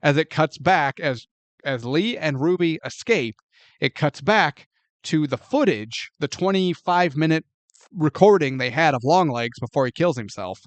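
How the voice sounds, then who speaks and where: A man co-hosting a movie podcast, retelling a plot with mounting disbelief and plenty of swearing. His voice sits fairly high. The sound is dry and close, with no room around it. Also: measured pace, no echo. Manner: animated, profane, incredulous plot recap. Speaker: podcast co-host. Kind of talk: casual movie review chat.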